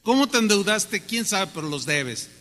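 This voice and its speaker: A man preaching a sermon, animated and often questioning the congregation. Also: high voice, moderate pace. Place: church hall. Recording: long hall reverb.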